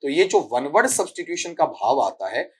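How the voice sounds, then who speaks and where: A man's voice: fairly high pitch, very animated, brisk, slightly rough. A man with a Rajasthani accent teaching English grammar for an exam, explaining step by step and quizzing his students. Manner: explains step by step, asks students questions, calls them "beta". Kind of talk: exam-prep lecture.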